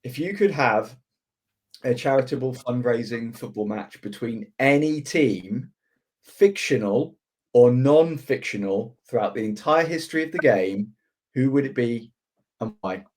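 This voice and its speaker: Mid-pitched man in casual banter. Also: animated, unhurried.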